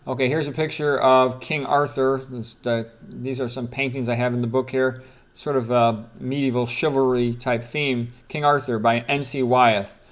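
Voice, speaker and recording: A middle-aged or older doctor reads quotes from a book aloud, adding informal commentary and repeating key phrases for emphasis. His medium-pitched voice keeps a level tone at a normal speed.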